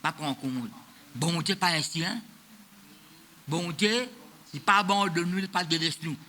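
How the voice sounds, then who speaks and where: A man's voice: fairly high pitch, a little slow, pushed and bright, a little hiss or hum. A man, preaching a sermon as pastor of a church, in a loose, repetitive style that mixes French and Creole. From Mauritius.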